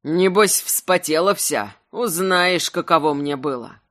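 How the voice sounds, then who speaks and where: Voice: mid-range voice, lively intonation, slow pace, fairly bright tone. A narrator voicing a fierce, bitter young werewolf man who snarls and mocks. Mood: mocking. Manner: snarling, mocking. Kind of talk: audiobook character voice.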